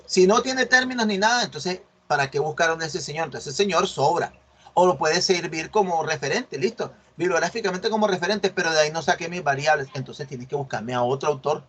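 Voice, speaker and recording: A man's voice: a little high, lively intonation, brisk, fairly bright tone, husky. A male university teacher explaining a research assignment in an online class, correcting students and often checking whether they follow. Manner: corrective, asks "¿sí ven?" often.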